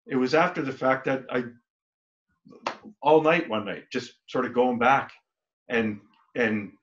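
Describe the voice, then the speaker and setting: A man who plays in a band talks loosely in an interview, trailing off, starting over and slipping into the voices of people he quotes. His pitch sits in an ordinary middle range. The recording sounds dull and lo-fi. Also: a bit bright. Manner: rambling, many restarts, acts out quoted exchanges. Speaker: band member. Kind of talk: casual interview talk.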